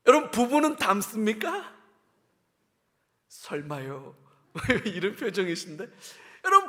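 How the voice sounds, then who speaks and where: Pastor, man, bright forceful tone, preaches straight to his congregation with questions. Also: extremely high pitch. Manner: swings between loud emphatic bursts and hushed, whispered asides; addresses the congregation directly with questions. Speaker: senior pastor. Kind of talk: sermon.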